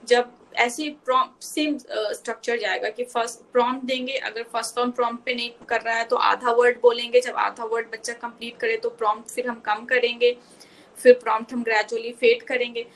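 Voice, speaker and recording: Woman speech therapist, fairly high voice, patient step-by-step teacher mixing in English terms. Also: little pitch movement, brisk, poor audio. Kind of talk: live online Q&A talk to parents.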